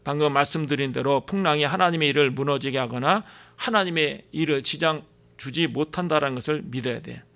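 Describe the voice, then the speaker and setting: A man's voice: fairly high pitch, brisk, gravelly, fairly bright tone. A man preaching a sermon as pastor, emphatic and repetitive, asking the congregation rhetorical questions and slipping into casual speech.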